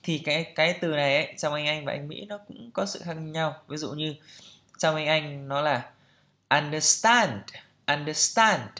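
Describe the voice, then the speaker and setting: A man's voice: fairly high pitch, steady tone, normal speed, pushed and bright. A man teaching English pronunciation, repeating each word several times and then patiently explaining how to say it. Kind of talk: pronunciation lesson.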